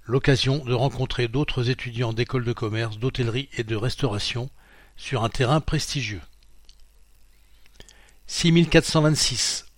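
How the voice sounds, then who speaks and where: A man reading a printed magazine aloud in French, announcing page numbers and quotation marks in a steady, informative way. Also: mid-range voice, moderate pace, dry recording. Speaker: magazine reader.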